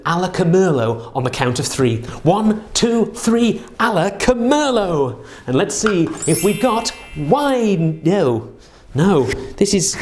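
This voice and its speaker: A man's voice: on the high side, darkish tone, reverberant, slight background noise. A man presenting to children like a kids party magician, with jokey, theatrical patter in a scripted show.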